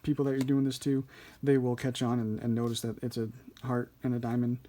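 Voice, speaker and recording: A man's voice: mid-range voice, completely flat delivery, a little fast, warm tone, slight background noise. A man giving a casual hands-on tutorial as an instructor, informal and a little hesitant, thinking aloud as he explains. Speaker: card trick instructor.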